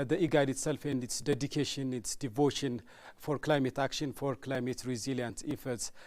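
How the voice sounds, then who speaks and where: Man, live broadcast presenter, mid pitch, measured, hesitant fillers. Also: a little mellow. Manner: measured, informative, with frequent hesitations.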